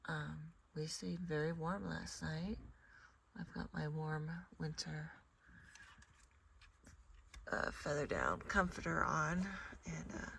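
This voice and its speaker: A woman vlogger with a groggy morning voice, chatting softly and sometimes in a hush from inside her small car camper. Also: deep voice, creaky, a little hiss or hum. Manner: soft-spoken, chatty, often hushed. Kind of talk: casual vlog chat.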